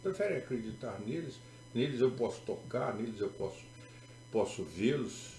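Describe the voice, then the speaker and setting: Gravelly Brazilian pastor preaching emphatically. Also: male voice, medium pitch, expressive, normal speed, mellow, a little hiss or hum. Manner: emphatic, repetitive, sarcastic. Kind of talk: sermon. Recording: echoey room with faint music.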